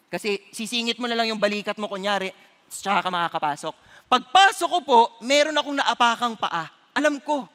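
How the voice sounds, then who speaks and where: A man preaching a sermon, telling a personal story with lively acted-out voices and switching between Filipino and English. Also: very high-pitched, big-room sound.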